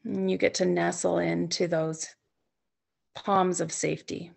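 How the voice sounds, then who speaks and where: Her voice sits lowish and gravelly with a level tone as she leads a guided sleep meditation in the yoga nidra style. The phrasing is slow and gently coaxing, soothing throughout, with long pauses between lines.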